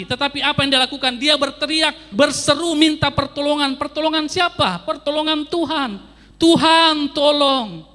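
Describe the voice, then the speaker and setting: A man's voice: extremely high pitch, bright, forceful tone, in a large hall. A man pastor preaching a sermon emphatically, with sweeping rises and drops and repeated phrases for emphasis.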